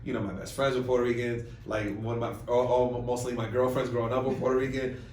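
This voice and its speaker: Fast-talking man in a roomy space. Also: mid-range voice. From New York. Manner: fast, animated, jokey. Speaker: lead actor. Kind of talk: press junket interview. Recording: roomy, distant mic, faint noise.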